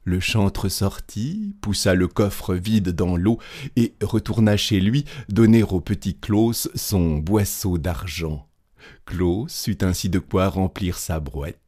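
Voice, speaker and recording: A man reading a fairy tale aloud, measured and animated. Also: sits low. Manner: slow, measured, animated storytelling. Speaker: narrator.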